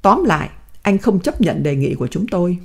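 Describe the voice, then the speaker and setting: A woman's voice: lowish voice, big pitch swings, a little fast, gravelly, a little mellow, husky, heavily acted. Woman doing a cold, curt male interrogator. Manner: curt, probing questions.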